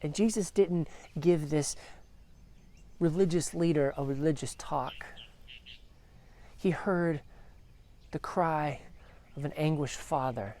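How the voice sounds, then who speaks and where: A woman's voice: sits low, slow pace, pauses often, warm tone. A woman telling a Bible story as a devotional, earnest, acting out the quotes as she goes. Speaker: devotional speaker.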